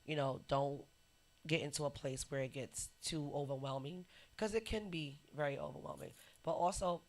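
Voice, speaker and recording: A woman hosting a podcast, chatting casually and telling lively stories that she acts out, sometimes dropping to a whisper. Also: sits low, moderate pace. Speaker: podcast host. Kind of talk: casual chat and storytelling.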